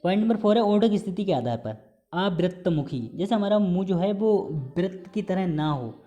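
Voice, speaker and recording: A man's voice: high voice, animated, warm tone, dull audio. A man teaching a recorded exam-prep lesson as a Hindi teacher. He explains step by step, drags out sounds to show how they are pronounced, and mixes English terms into his talk. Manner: explanatory, drawn-out sounds to demonstrate pronunciation.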